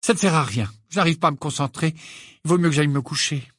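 A man's voice: fairly high pitch, brisk, no room sound, clean studio sound, pitched above the performer's own voice, natural voice. A man voicing a bossy, determined teenage girl witch who speaks sharply. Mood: curt.

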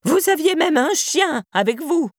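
A woman voicing a suspicious, curt elderly female neighbor in an audiobook, with a sharp, accusing manner. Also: fairly high pitch, animated, moderate pace, husky, no echo, clean studio sound, voice pushed up. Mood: insistent. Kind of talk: audiobook character voice.

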